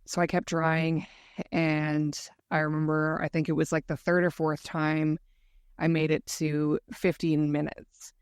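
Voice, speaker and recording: A woman's voice: low-pitched, little pitch movement, unhurried, smooth, no room sound. Earnest woman guest, dry close sound. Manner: earnest, candid recounting. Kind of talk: conversational interview storytelling.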